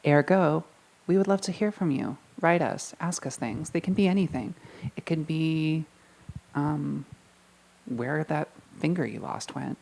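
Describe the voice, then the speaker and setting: Very low, gravelly-voiced woman co-host. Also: unhurried, darkish tone. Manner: dry, wry quips. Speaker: podcast co-host. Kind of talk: casual chat.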